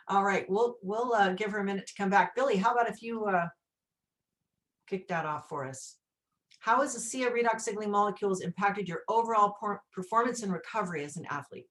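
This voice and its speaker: A woman hosts a video panel and guides guests through the questions. She speaks in an upbeat way at a mid pitch. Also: a little fast, long pauses, a bit bright. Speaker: moderator. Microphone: video call.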